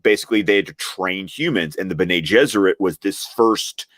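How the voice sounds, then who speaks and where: A man's voice: deep voice, normal speed, a bit bright, no room sound. A man discussing a novel in casual conversation, explaining with enthusiasm and correcting himself as he goes. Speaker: guest.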